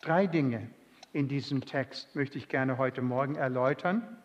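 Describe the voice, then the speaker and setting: A man preaching a sermon with a scripture reading, slow and emphatic, dropping to soft tones for quoted lines. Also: medium pitch, dull audio. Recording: long hall reverb.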